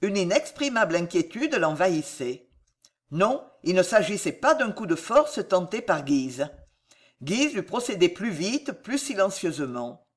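A reader giving a dramatic narration of a historical adventure novel. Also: medium pitch. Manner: slow, lively dramatic reading. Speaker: audiobook reader.

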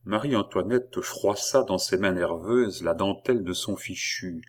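A man narrating a classic novel in a measured, expressive reading. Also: low-pitched. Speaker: audiobook reader. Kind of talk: literary narration.

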